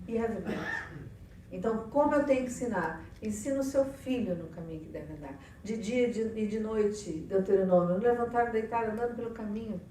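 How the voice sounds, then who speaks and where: A woman with a Brazilian Portuguese accent preaching on family life, animated and playful, acting out little dialogues. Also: medium pitch, a little fast, a little hiss or hum. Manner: animated, playful, acts out quotes. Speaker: church speaker on family life. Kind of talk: lively sermon talk with acted dialogue. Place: church hall. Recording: echoey hall, far from mic.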